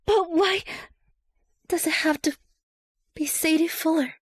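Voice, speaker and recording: A woman's voice: extremely high pitch, slow pace, no room sound. A woman acting a desperate, remorseful young woman in a dubbed short drama, emotional and pleading. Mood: anxious pleading. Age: young adult.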